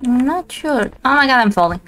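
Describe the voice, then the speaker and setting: A woman streamer chatting excitedly while playing a co-op game, exclaiming and laughing often. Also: high-pitched, a little fast. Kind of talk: casual gaming chat. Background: faint lo-fi background music.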